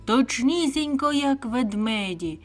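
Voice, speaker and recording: A woman voicing a gang of noisy, playful young forest animals, a squirrel among them, who shout excitedly. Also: on the high side, measured pace, soft background music. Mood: boisterous.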